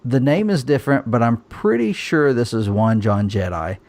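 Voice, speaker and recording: A man's voice: mid-range voice, expressive, normal speed, a little mellow. Chatty male podcast host. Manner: chatty, with frequent fillers. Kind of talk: casual podcast chat.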